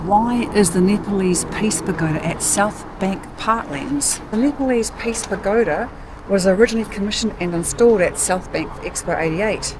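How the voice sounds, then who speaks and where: A woman's voice: medium pitch, moderate pace. New Zealand woman vlogging outdoors in a city. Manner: exclaims in wonder between read-out sightseeing facts. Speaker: travel vlogger. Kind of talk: casual travel vlog narration. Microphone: handheld action camera or phone. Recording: noisy outdoor city sound.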